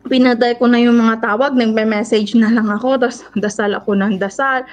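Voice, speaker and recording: A woman's voice: on the high side, fairly even intonation, fairly quick. A woman from the Philippines, a caregiver, telling an interviewer how she survived an attack, in a polite, earnest and shaken way, going through events step by step. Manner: polite, adds respectful particles and retells events step by step; earnest and shaken while recounting. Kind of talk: emotional first-person testimony in an interview.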